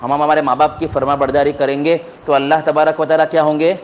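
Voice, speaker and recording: Man teaching children religion, higher voice. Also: flat delivery, highs cut off. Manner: asks the listeners questions and answers them himself, in simple repetitive teaching; plain conversational speech with many fillers. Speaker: maulana giving a religious talk to students.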